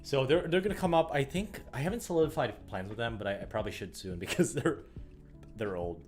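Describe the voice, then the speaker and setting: A man's voice: mid-range voice, lively intonation, brisk. A man in his thirties from the US Midwest, rambling casually on a livestream with frequent fillers and laughs. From Illinois, US Midwest. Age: 30s. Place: home room while stringing rackets. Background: faint music.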